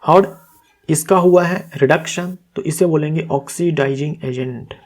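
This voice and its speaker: A man's voice: on the high side, measured pace, a little mellow. A man teaches exam material as a tutor. He goes through answers step by step, asking himself questions and answering them, now and then correcting a slip aloud. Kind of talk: explaining quiz answers.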